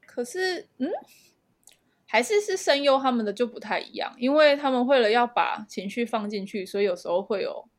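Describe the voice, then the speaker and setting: A woman's voice: fairly high pitch, normal speed. A woman with a Taiwanese Mandarin accent co-hosting a casual podcast chat, giggling often and asking eager follow-up questions. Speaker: podcast co-host.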